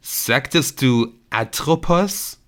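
A man's voice: mid-range voice, animated, drawn-out words, a bit bright, pitched above the performer's own voice. A man putting on a theatrical, teasing riddle-lover. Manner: theatrical, teasing, mock-dramatic. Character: playful theatrical adult man fond of riddles. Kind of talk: audiobook character voice.

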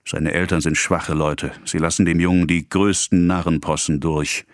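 A hearty, talkative old village priest, voiced by a male reader in an audiobook. He speaks slowly and with emphasis, a good-natured parish man. The voice sits fairly low and the sound is dry and close. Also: steady tone, no echo, natural voice. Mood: jovial. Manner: jovial, slow and emphatic.

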